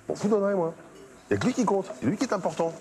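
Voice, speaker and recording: An actor playing an excited man who has just learned he is a father, talking emphatically. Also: high-pitched, very fast, background noise. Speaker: new father. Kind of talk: sitcom acting. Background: background music.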